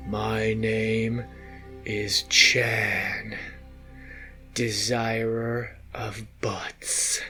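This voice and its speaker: A man voicing a creepy male stranger who lurks in an alley, speaking low, slow and hushed. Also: level tone, slightly rough, faint music behind, heavily acted. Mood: sinister, hushed.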